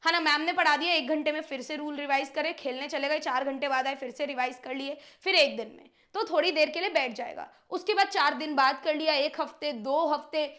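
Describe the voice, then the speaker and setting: A woman's voice: high-pitched, fairly quick, few pauses, a bit bright. A young woman teacher giving students study tips, talking straight to them and acting out their questions.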